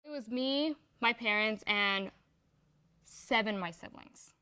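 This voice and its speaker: A young adult woman from Somalia gives a casual personal interview for a community profile in a fairly high, bright voice that is clear, resonant, and forceful. She speaks slowly, in a chatty and unpolished manner filled with fillers.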